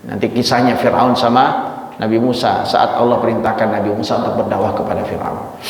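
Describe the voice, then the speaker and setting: A man giving a sermon as a religious teacher, swinging his pitch dramatically and speaking straight to his listeners. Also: little pitch movement, fairly quick. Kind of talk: mosque sermon on a Quran chapter. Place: mosque hall. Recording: echoey mosque hall, faint ambience.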